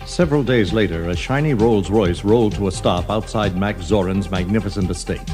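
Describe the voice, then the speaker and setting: Reading a scripted children's adventure, the male narrator speaks fairly quickly in a lowish voice. Music plays beneath him, as on a storybook cassette from the 1980s.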